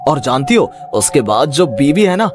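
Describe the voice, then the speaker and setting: Lively, slightly high male storyteller. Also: moderate pace. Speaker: narrator and storyteller figure. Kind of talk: scripted horror cartoon narration and dialogue. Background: background music.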